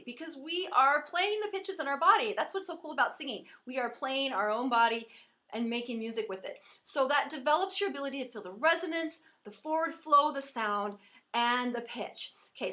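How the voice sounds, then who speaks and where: A woman voice teacher with a bright, forceful tone gives an encouraging singing lesson, explaining pitch and resonance as she demonstrates.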